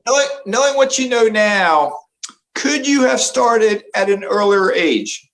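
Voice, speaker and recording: A man's voice: high voice, expressive, a little slow, fairly bright tone, rough recording. A man in his fifties hosting a casual interview, affable, repeating facts back to his guest. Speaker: interview host.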